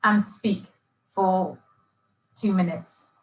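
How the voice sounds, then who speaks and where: A woman teacher trainer talks through exam tips in a webinar, in a chatty, encouraging way with plenty of fillers and restarts. Her voice sits at an ordinary middle pitch for a woman. The recording has a noticeably echoey, roomy sound. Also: steady tone, extremely slow. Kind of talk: webinar presentation. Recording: echoey room.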